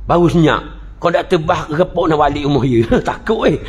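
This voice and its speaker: A religious teacher with a Terengganu Malay accent gives a humorous lecture in a slightly high voice at normal speed. Between teaching points he jokes, tells stories and slips into playful dialect asides.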